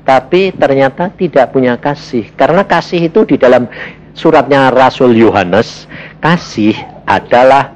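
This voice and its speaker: A middle-aged man preaching a sermon, telling personal stories and acting out his own dialogue with God, at times in high shouts. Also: a little slow, lo-fi sound. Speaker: evangelist preacher.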